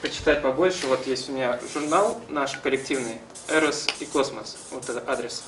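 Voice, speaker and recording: A man's voice: medium pitch, brisk. A man in his thirties giving an informal seminar lecture and answering questions, hesitantly searching for words as he explains. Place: small classroom-like seminar room, indoors. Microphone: camera some metres away. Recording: distant camera mic, faint room noise.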